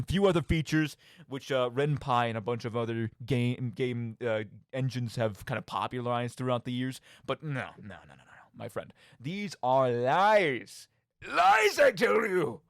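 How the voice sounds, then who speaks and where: Speaking in a mid-range voice on a studio microphone, a young radio host rambles casually through his show with playful, tongue-in-cheek mock drama. The recording from the radio studio is studio quality with no echo.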